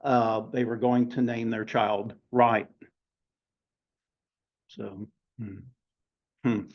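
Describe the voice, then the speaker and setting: Halting older man lecturing a class. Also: medium pitch, flat delivery. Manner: halting, many filler sounds. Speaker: class teacher. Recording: dull lo-fi recording.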